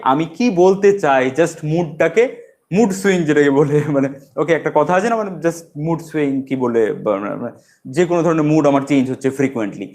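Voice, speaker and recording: Male online English tutor, Bengali accent, slightly raised pitch, deliberate repeating explanations. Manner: mixes English into explanations, self-correcting, repeats examples slowly. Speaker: English teacher. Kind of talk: online grammar lesson.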